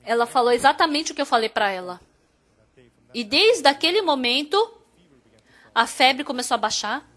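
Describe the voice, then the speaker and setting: A woman interpreting a sermon in the first person, telling a story and growing emphatic and animated at its high points.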